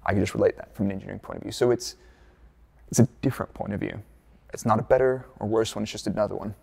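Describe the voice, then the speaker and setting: This gravelly-voiced F1 content creator from Dallas, once a performance engineer, answers interview questions in a relaxed, chatty way, peppered with fillers and joking asides. His voice is fairly low and a little mellow, and he talks at a racing pace.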